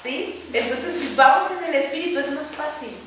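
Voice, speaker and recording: A woman preaches in a high, clear voice, speaking earnestly and conversationally as she keeps checking that her listeners agree. She is heard from some distance, in a very echoey church hall with faint noise behind her. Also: normal speed. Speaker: preacher at a women's gathering. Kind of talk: sermon.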